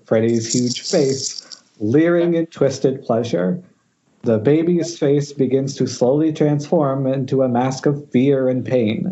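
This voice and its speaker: Warm and mid-range, this male voice handles the screen directions at a relaxed table read conducted online. He stumbles slightly as he reads the dramatic material, and the internet call sounds dull and noisy.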